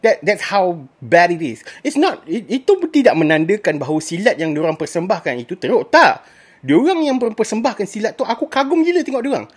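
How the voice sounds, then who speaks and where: A woman's voice: mid-range voice, expressive, brisk, husky. A woman with a Malaysian accent giving a casual spoken movie review, ranting in exasperation and mixing in English phrases.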